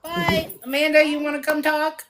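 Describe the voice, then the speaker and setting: Teasing high-voiced woman host. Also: little pitch movement, normal speed, background noise. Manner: teasing, laughs often. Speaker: live stream host interviewing fans. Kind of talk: casual chat.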